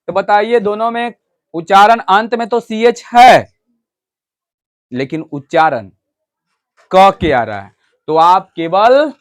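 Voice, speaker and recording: Male classroom teacher with a high voice, explaining rules patiently and checking in with students often. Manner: explains step by step, often asks students if they understood; switches between loud stressed points and quiet asides to the class. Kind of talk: classroom English grammar lesson.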